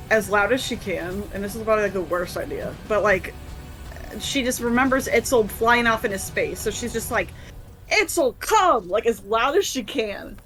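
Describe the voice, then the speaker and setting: A woman's voice: medium pitch, a bit bright, rough recording. A woman playing a tabletop role-playing game, describing her character's moves hesitantly with many uhs, with faint music behind. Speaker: player.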